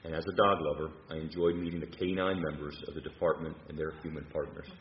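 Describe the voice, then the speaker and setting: A man, a university leader, delivering a measured prepared speech with occasional fillers and restarts, from a podium in a large hall. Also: a bass voice, steady tone, a little hiss or hum. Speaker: university president. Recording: roomy, dull hall recording.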